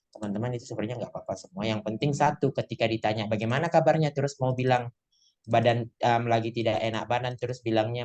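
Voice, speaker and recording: A man's voice: lowish voice, darkish tone. A man with an Indonesian accent teaching English in a casual online lesson, chatty and joking as he mixes two languages.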